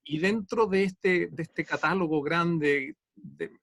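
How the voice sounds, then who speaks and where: A man's voice: a little high, slow, creaky, fairly bright tone, dry recording, studio quality. A man from Chile with a Chilean accent, speaking as a genealogy researcher in an online question session and giving a detailed, methodical account with frequent fillers. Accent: Chilean Spanish. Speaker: audience member, genealogy researcher. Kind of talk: online Q&A comment.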